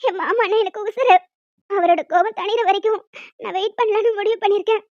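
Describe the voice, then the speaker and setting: A woman voicing a meek, apologetic young woman in a cartoon, speaking softly and pleading. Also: extremely high pitch, fairly even intonation, brisk, dry recording. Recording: dull lo-fi dry sound.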